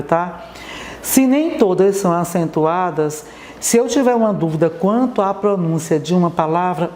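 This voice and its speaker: A woman's voice: lowish voice, mellow, reverberant, slight background noise. A Brazilian woman teacher giving a televised classroom lesson, explaining patiently and checking in with the viewer after each point.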